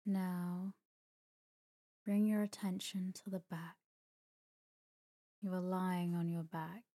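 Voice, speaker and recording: In a slow scripted narration for sleep, a female meditation guide and podcast host speaks in a soft, breathy, very mellow low voice that occasionally drops almost to a whisper. Gentle pauses and an unhurried, even melody keep her delivery calm and soothing.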